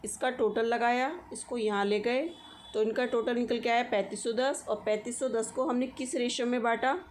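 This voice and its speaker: High-voiced woman teaching accounts. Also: steady tone, normal speed, a little hiss or hum. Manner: explains step by step with frequent check-ins. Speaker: commerce teacher. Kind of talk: accounting lesson walkthrough.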